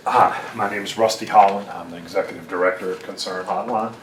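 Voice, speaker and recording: A man, an agency director, giving a measured presentation at a public meeting. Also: low-pitched, steady tone, distant mic. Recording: echoey meeting room with faint hum.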